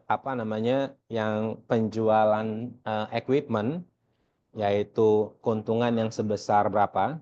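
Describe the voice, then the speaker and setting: Taking it slowly, an Indonesian accounting lecturer with a low-side, a little mellow voice and fairly even intonation talks through a worked exercise. He chats, asks questions only to answer them himself, and checks in often, all on a dull, lo-fi recording.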